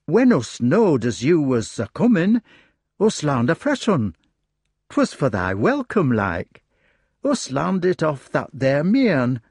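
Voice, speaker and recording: A man's voice: on the high side, sing-song, takes it slowly, no echo, clean studio sound, pitched above the performer's own voice, heavily acted. A man voicing a humble, shy male hedgehog in a storybook, speaking in a broad West Country rustic dialect with earnest eagerness. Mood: eager.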